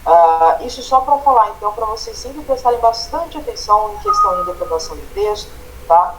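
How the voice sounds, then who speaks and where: A man's voice: sits high, animated, fairly quick, fairly bright tone, a little hiss or hum, low-quality recording. A man with a Brazilian accent teaching an online grammar lesson, explaining step by step and checking in with the students often. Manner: explanatory, tags phrases with "né?" and "tá?".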